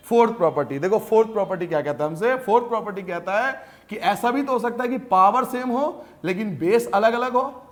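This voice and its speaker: A man teaching a maths lesson, repeating each rule and quizzing his students as he goes. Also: high voice. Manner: repeats rules, quizzes students, calls them beta.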